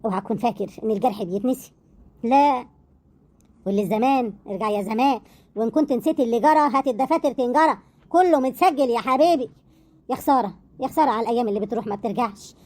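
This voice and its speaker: A woman with an Egyptian accent playing a bitter, sharp-tongued wife in an audio drama, scornful and mocking. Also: on the high side, lightly acted. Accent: Egyptian Arabic. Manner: scornful, mocking, quick retorts.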